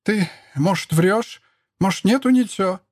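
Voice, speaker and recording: A man's voice: sits high, a little slow, a little mellow, dry recording, clean studio sound, pitched above the performer's own voice. A man voicing an old peasant woman, a furious mother-in-law who speaks with a lisp and rustic dialect. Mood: pleading. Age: older. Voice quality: lisping, village dialect speech.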